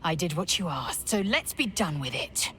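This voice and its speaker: A woman's voice: on the low side, big pitch swings, moderate pace, noisy background. An actress playing a proud, severe alien warrior woman in a video game, speaking with indignant, betrayed anguish. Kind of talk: dramatic video game acting.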